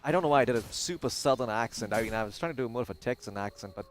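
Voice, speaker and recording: A man's voice: medium pitch, animated, very fast. A man casting a live esports match, mixing play-by-play with chatty analysis and jokes. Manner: joking, chatty analysis with fillers. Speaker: esports caster.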